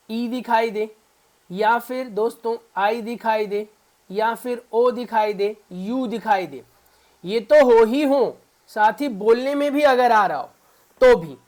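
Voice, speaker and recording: A man's voice: very high-pitched, a little mellow. A man teaching a spoken English grammar lesson to beginners. He keeps quizzing his viewers with repeated questions and talks to them in a fatherly way. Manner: fatherly, calls viewers son.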